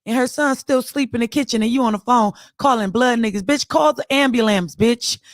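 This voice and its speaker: A woman's voice: fairly high pitch, brisk, no room sound. LA-accented young woman host, heated and profane, dry close-mic sound. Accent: Los Angeles. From Los Angeles. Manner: blunt, profane, mocking. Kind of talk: heated casual commentary. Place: online audio room.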